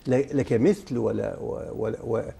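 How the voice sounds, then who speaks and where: A man's voice: medium pitch, normal speed, gravelly, mellow, slightly rough. A man with an Egyptian accent, a scientist guest on a TV talk show, explaining step by step and speaking directly to viewers. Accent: Egyptian Arabic.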